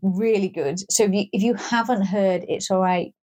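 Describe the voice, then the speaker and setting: A woman's voice: medium pitch, steady tone, moderate pace, darkish tone. A woman co-hosting a podcast in a casual chat, playful and self-mocking. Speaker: podcast co-host.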